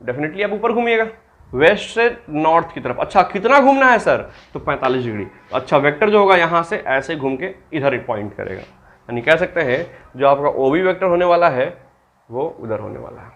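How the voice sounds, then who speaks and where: A man's voice: on the high side, very animated, moderate pace, a bit bright. A man teaching a maths class, mixing in English terms and answering his own questions for the students. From Bihar, India. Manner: asks students questions and answers them himself; mixes English terms into Hindi. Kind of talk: classroom lecture.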